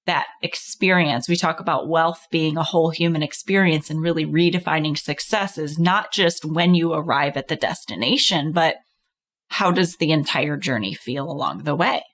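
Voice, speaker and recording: Casting note: woman podcast host, coach, somewhat low voice, encouraging and chatty. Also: unhurried. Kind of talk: casual interview chat.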